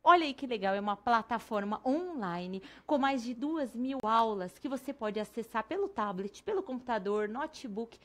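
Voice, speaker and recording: A woman's voice: on the high side, animated, moderate pace, hardly any pauses. A woman with a Brazilian accent hosting a craft lesson, chatting playfully and then pushing a sales promotion with hyped energy. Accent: Brazilian Portuguese. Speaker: craft teacher and host. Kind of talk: casual craft demo with sales pitch.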